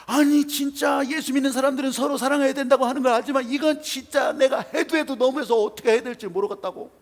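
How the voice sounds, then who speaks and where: A man preacher acting out an indignant middle-aged villager, agitated and complaining loudly. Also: very high voice, steady tone, fast talker, long reverb tail, pitched above the performer's own voice.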